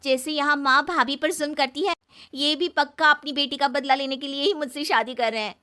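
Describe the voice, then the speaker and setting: A woman's voice: sits high, steady tone, brisk, pushed and bright, voice pushed up. A woman storyteller voicing a timid, frightened young bride who speaks meekly and earnestly in a moral story. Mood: suspicious, afraid. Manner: meek, earnest.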